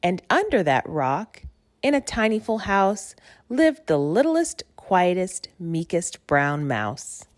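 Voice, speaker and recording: A woman giving an expressive read-aloud narration of a rhyming children's story. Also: on the low side, slow, no room sound, studio quality. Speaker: storybook reader.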